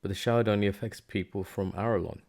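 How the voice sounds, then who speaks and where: A man's voice: on the low side, steady tone, fast, creaky, darkish tone. A man voicing a shaken young male outcast who sounds anxious.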